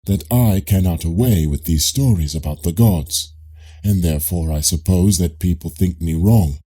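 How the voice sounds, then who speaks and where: In an audiobook dialogue, a man with a low, husky, dark voice plays a Greek philosopher. He questions in a measured way, probing and politely ironic.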